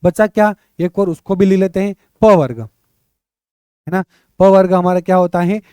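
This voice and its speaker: A male teacher leading an online exam-prep class, drilling letters aloud and repeating questions to his students with lively energy. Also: high voice, unhurried, smooth, dry recording, studio quality.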